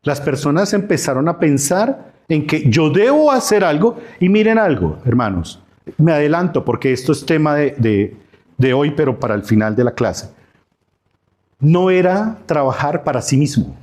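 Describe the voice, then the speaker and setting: A man, a pastor leading a Sunday school lesson, speaking in a fairly high voice. He keeps asking his listeners questions and answering them himself. Now and then he voices the characters of the parables. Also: very animated, moderate pace, a little mellow. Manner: acts out dialogue from the parables. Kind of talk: Sunday school Bible class.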